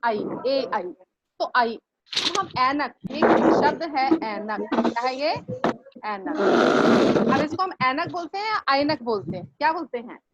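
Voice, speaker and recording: A woman teacher with a high voice leads a grammar lesson in a classroom. She asks her students the same questions again and again to drill them. The recording sounds dull and lo-fi, with clear steady noise behind her. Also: unhurried. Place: classroom with blackboard.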